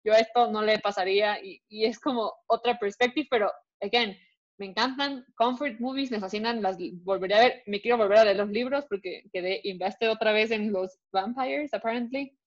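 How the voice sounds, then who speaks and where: On a dull lo-fi recording, a young woman co-hosting a podcast chats casually, moving freely between Spanish and English. Her voice is medium-pitched and moderately paced.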